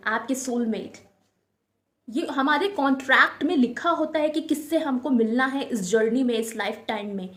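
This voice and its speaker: High-voiced woman giving spiritual advice. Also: echoey room. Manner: repetitive, coaxing, addresses listeners as friends. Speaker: spiritual guidance speaker. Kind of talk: casual spiritual advice talk.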